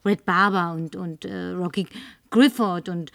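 Dubbing a German film, a woman voices a lonely, tipsy, flirtatious advertising agency woman, her low-ish, steady voice breathy and whispery. She speaks unhurriedly and coaxingly, at times turning demanding, in clean studio audio without echo.

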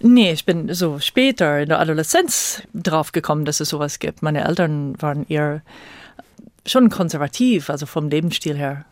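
Speaking at a moderate pace in a low, expressive voice, this middle-aged native English speaker from Virginia recalls the past in a conversational way as a guest in an interview. She has an American accent, and there's no room sound.

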